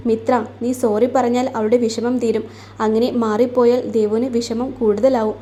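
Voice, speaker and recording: A sensible young man in a storybook romance, lecturing calmly, as a woman narrator reads his part. The voice stays mellow and flat. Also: on the high side, moderate pace, natural voice. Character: young man, reasonable older brother.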